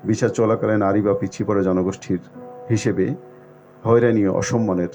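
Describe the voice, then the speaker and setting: Over music and in dull, lo-fi sound, a man with a fairly low voice gives a discussion-show answer. He speaks formally and deliberately, setting out his points one by one and pausing as he goes. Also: fairly even intonation. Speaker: expert guest on a live phone-in discussion. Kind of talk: explanatory panel discussion, point by point. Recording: muffled lo-fi audio with music behind.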